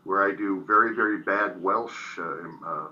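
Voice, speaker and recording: A man who works as a voice actor, chatting on a podcast in a joking, rambling way. His voice has a very bright, forceful edge. The audio is dull and lo-fi. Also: low voice, moderate pace. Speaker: voice actor, co-host. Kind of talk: casual podcast chat.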